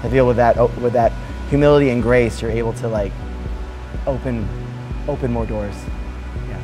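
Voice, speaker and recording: A man's voice: mid-range voice, fairly even intonation, normal speed, music in the background, poor audio. A man in his thirties, a dance teacher, giving reflective interview answers with many fillers and restarts, recorded on a lapel mic in a large hotel lounge.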